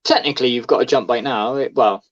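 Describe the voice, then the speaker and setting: A man's voice: mid-range voice, fast talker. A man in casual chat as a podcast co-host, rambling and full of fillers. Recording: slightly dull lo-fi recording.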